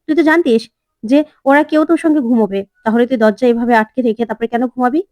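Storybook young husband, firm and insistent, read by a woman; high voice. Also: fast, darkish tone, dry recording, lightly acted. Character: young man, a new husband, stubborn and protective.

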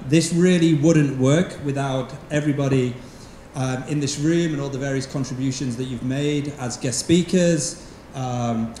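A man's voice: medium pitch, warm tone, a little hiss or hum. A man in his thirties, a school principal, giving a casual, thankful welcome speech on a handheld mic in a large hall full of people, with frequent ums. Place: large event hall with seated audience. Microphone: handheld microphone.

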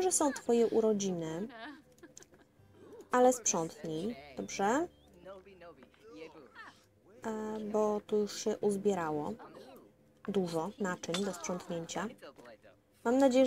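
A woman's voice: mid-range voice, dark tone. A young woman giving casual let's-play commentary, chatting to her game characters and turning to address her viewers. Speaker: gameplay commentator.

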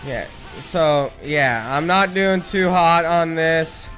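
A man's voice: fairly high pitch, slow pace, a bit bright, soft background music. A man giving casual, self-deprecating commentary while he plays a video game, muttering at the game as he goes. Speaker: let's play gamer.

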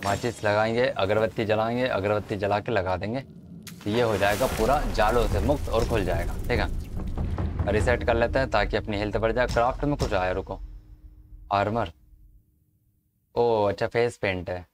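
A gaming commentator offers casual, chatty remarks over his gameplay, addressing both viewers and enemies while game music plays underneath. His voice is fairly low in pitch and his pace moderate, with a noisy background.

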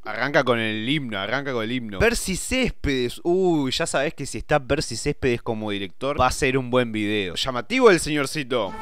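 A man in his thirties with an Argentine accent, hosting a casual reaction video with excitable, joking asides, speaking into a handheld mic in a small home studio. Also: mid-range voice, normal speed, hardly any pauses. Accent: Argentine Spanish. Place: small home studio room with colored lights. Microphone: handheld microphone held close. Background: faint music from the video being watched.

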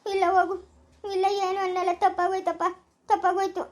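A woman playing a quarrelsome, sharp-tongued village woman in a rural family drama. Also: very high-pitched, flat delivery, brisk. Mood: pleading.

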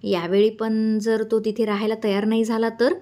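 A woman's voice: a little high, level tone, normal speed, mellow, natural voice. Woman voicing a shy, fussing older wife. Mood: bashful. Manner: bashful, fussing.

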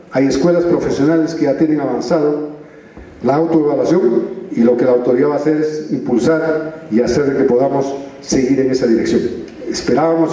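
A middle-aged man, a university rector giving a measured formal speech from his notes at a podium in a large hall. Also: a little high, dark tone. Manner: measured, reading from notes, slowing for emphasis. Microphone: podium microphone, then handheld. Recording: echoey hall picked up from a distance.

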